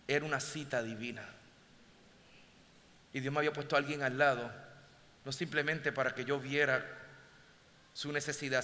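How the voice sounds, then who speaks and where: A male pastor telling a story in a sermon, moving between hushed passages and loud exhortation. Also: medium pitch, a little hiss or hum. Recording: long hall reverb, faint ambience.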